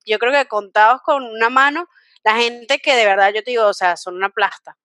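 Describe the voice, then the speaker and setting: A Venezuelan woman hosting a casual podcast chat, telling stories in an animated way and laughing often. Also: a little high, a little fast, no room sound. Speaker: podcast host.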